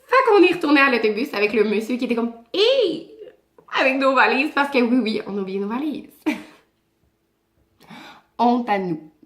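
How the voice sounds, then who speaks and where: Québécois woman vlogger, lively slangy storyteller, slightly high voice, roomy echo. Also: fairly quick, pauses often. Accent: Québécois French. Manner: animated, slangy, chatty. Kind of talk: casual storytime. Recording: echoey room.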